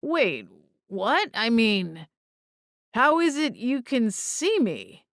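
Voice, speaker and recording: A woman's voice: fairly high pitch, big pitch swings, fairly bright tone, no echo, clean studio sound, voice pushed up, exaggerated voice. Hesitant, bewildered male ghost voiced by a woman. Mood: startled. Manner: hesitant, halting. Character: bewildered, forlorn male ghost of a funeral worker. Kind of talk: audiobook character voice.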